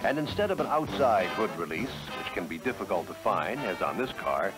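An American man reads scripted 1970s promotional narration on a vintage film soundtrack, his polished announcer delivery emphatic. His low voice moves sing-song at a normal speed over loud music.

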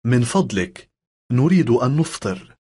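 A man, reading lesson phrases in a measured, careful way. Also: mid-range voice, sing-song, dark tone, slightly rough. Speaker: language lesson speaker.

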